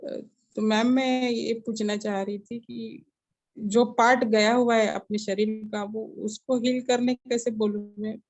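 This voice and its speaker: A woman participant on an online group call, asking polite, halting questions with a hesitant manner. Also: a little high, flat delivery, a little mellow, muffled recording. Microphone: video call.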